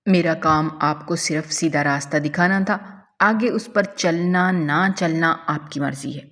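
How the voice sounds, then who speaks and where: A woman reading the lines of a calm male doctor who gives firm advice in a spoken story. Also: low-pitched, in a large hall. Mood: admonishing.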